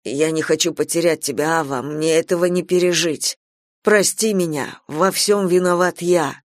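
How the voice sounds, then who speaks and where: A woman voicing a grieving, remorseful man who pleads slowly and brokenly with his wife. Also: low voice, no room sound, studio quality, close to an everyday voice. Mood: pleading.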